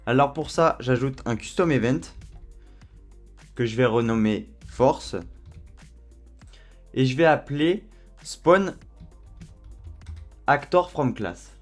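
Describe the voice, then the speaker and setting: Chatty man narrating a software tutorial. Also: mid-range voice, slow, long pauses, faint music behind. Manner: relaxed, chatty, with fillers like euh and hein. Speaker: tutorial host. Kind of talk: screen-recorded software tutorial.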